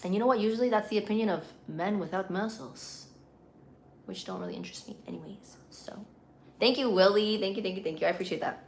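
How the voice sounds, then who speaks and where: A woman's voice: mid-range voice, fast, a little hiss or hum. A woman with a Puerto Rican accent hosting a casual live stream, chatting with viewers in an informal, slangy, playful way. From Puerto Rico. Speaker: livestream host.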